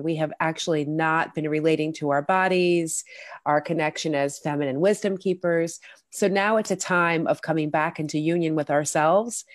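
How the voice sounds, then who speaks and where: A woman guest on a video call, nasal and congested from illness, talking slowly and reflectively about spiritual matters. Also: sits low, no room sound, clean studio sound. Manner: slow, reflective, soft-spoken. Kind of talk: spiritual talk in an interview.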